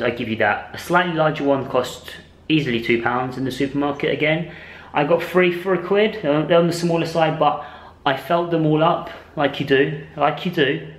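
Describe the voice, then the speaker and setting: A man's voice: medium pitch, echoey room, poor audio. A man in casual vlog chat, enthusiastic and chatty, laughing often as he shows his shopping. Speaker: vlogger.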